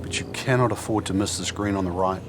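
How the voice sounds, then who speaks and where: A man's voice: low voice, quick pace, close to an everyday voice. A man playing a seasoned golf color analyst in a video game, explaining things conversationally. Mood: explanatory. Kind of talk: video game sports commentary. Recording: crowd and outdoor noise behind. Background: crowd ambience, outdoor noise.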